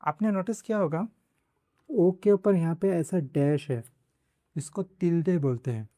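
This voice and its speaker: A man's voice: fairly high pitch, a little slow, dark tone, no echo, studio quality. A man teaching a language class, explaining step by step and sounding out words syllable by syllable.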